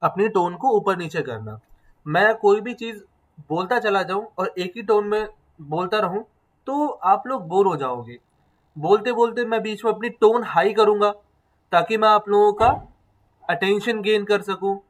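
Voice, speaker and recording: High-voiced man teaching a class. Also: measured pace, poor audio. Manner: explains step by step, asks the class questions, mixes in English phrases. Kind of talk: classroom lecture.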